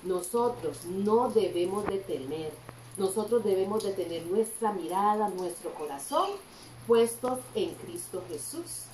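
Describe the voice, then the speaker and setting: A woman teaching a Bible story to children in Sunday school, telling it with lively expression and asking the kids questions along the way. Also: medium pitch, unhurried. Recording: roomy echo, distant mic, faint background hum.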